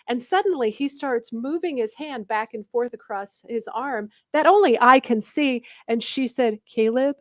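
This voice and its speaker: This is a woman in her forties, a guest on a talk radio show, and her voice sits a little high. She tells her story in a lively way and acts out each person's lines. The studio mic is close and dry. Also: no echo. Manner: animated storyteller acting out quoted dialogue. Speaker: radio guest, author and coach.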